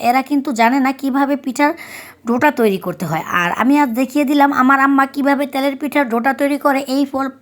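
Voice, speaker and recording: A woman from Bangladesh talks through a home recipe, explaining each step as she goes. Her voice sits high, and her delivery is chatty and easygoing. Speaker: cooking vlogger. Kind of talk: recipe narration.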